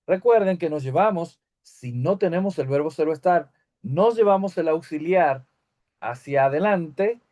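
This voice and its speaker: A man explaining English grammar step by step, slowing down to read example sentences. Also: on the high side, darkish tone. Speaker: English teacher. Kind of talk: recorded grammar lesson.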